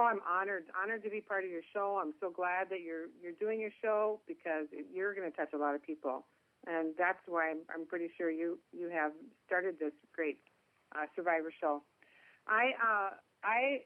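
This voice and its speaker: A woman's voice: fairly low pitch, no room sound. A middle-aged woman from Minnesota with a Minnesota accent, telling her story as a chatty guest with self-deprecating humor. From Minnesota, USA. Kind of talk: phone interview storytelling. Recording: tinny phone line, dry.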